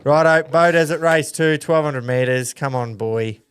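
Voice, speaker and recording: Clear-voiced Australian man chatting casually. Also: fairly high pitch, normal speed. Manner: blokey, slangy, sweary. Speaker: podcast co-host. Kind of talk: casual sports banter.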